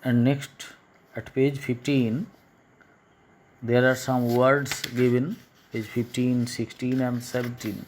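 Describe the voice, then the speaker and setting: Male teacher, slow and halting. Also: mid-range voice, flat delivery, slight background noise. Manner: slow, halting, repeats and translates each phrase. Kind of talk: class lesson explaining English in Bengali.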